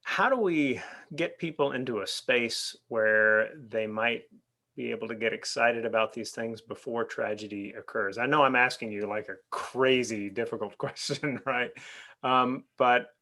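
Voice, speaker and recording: A man asks a question at an online club meeting, restarting and circling before he gets it out. His voice is gravelly and has a bright, forceful edge. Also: mid-range voice, measured pace. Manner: hesitant, many restarts. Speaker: club member asking questions.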